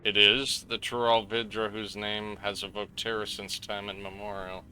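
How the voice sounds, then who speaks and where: A man's voice: lowish voice, flat delivery, moderate pace, sharp tone. A man streaming a game live, reading the story text aloud, tripping over names and swearing in between.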